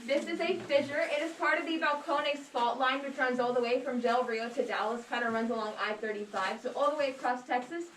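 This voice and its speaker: Inside an echoing underground cave room, a woman tour guide talks casually and jokingly to a group. Her voice sits high and a bit bright, brisk with few pauses. The echoey cave recording uses a distant mic and has clear background noise.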